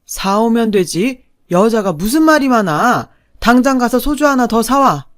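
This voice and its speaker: A woman voicing a domineering, quick-tempered older father-in-law who barks orders at his family. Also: fairly low pitch, very animated. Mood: shouting. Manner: barking orders, loud and bullying.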